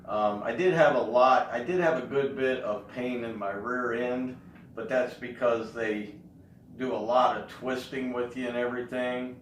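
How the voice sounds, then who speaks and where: A middle-aged man giving a casual spoken update, talking haltingly with pauses in mid-sentence. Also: medium pitch, steady tone, a little hiss or hum. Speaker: vlogger giving a health update. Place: indoors in an echoey room. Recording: echoey room, distant mic.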